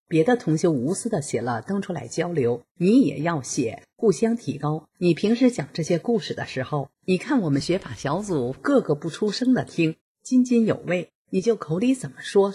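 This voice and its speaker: A woman in her sixties reading a first-person story aloud in a steady, plain manner, voicing the dialogue as she goes. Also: low-pitched, breathy edge. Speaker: reader of a personal account.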